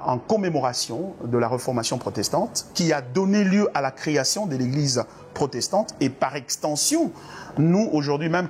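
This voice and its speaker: A Congolese pastor talks through church doctrine in an interview, at an ordinary mid pitch. His delivery is earnest and sermon-like, full of hesitations and repeated words. A faint hiss sits under the recording. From Democratic Republic of the Congo. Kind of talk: interview answers on faith.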